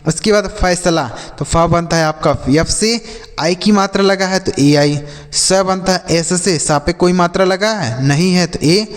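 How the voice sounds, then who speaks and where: A man's voice: high-pitched, measured pace. A man, patiently teaching spelling step by step in a lesson. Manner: patient, repetitive step-by-step explaining. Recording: long reverb.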